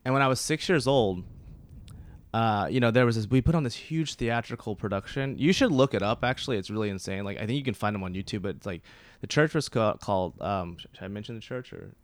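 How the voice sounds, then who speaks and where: A man's voice: lowish voice, fast. A man in his thirties from Oklahoma, talking as a podcast guest in a rambling way, with lots of fillers and restarts. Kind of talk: casual conversational interview.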